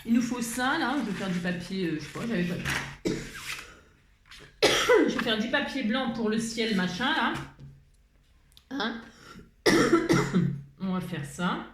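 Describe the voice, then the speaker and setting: A woman's voice: a little high, expressive, a little slow, pauses often, fairly bright tone. A woman hosting a casual crafting tutorial. She rambles, often changes her mind mid-sentence, and chuckles a lot as she talks. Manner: chuckles often while talking. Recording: roomy echo, faint background noise.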